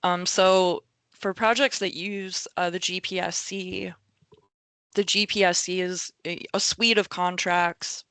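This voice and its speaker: A woman giving a webinar presentation on a video call, talking haltingly with many fillers and saying she is losing her voice. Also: on the low side, steady tone, fairly bright tone, clear, resonant tone, no echo.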